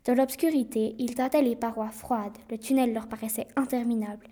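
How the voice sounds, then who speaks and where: A woman narrating a children's story aloud, with clear and expressive reading. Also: on the high side, fairly quick.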